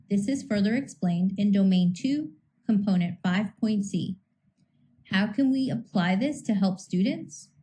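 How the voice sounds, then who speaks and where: A woman reading a scripted teaching lecture in a measured way, slowing down to sound out individual speech sounds. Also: mid-range voice, mellow, rough recording. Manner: measured, slows to sound out phonemes. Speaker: instructor.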